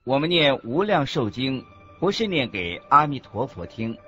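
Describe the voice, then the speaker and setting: Very animated and a bit bright, a man at medium pitch reads scripted religious teaching as a monk's narrator for radio drama. He keeps a normal speed and a careful, teaching manner; the recording is muffled, with a music bed underneath.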